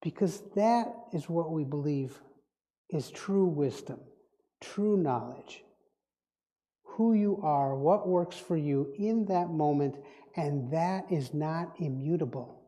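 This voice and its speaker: A slow man with a dark, slightly high voice delivers a spiritual talk as a guest speaker. Dutch is his first language, and he muses reflectively, returning to the same words. The hall is echoey.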